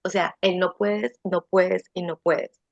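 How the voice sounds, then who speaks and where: A woman telling her exam story in an emotional, expressive testimonial interview over a video call. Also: lowish voice, slow, gravelly, dry recording, dull audio. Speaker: student who passed licensing exam.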